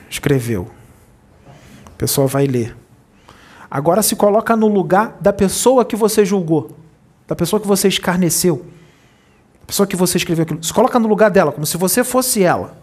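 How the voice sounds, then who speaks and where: A man delivering a channeled spiritual sermon as a medium. His voice sits a little high and has a husky edge. He admonishes his listeners and keeps putting rhetorical questions to them. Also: animated, normal speed, pauses often, a little mellow.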